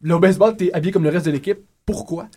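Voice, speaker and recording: A man giving a joking radio column, talking fast and animated. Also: high-pitched. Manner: quick, animated, joking, often laughing. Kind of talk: comic radio chat.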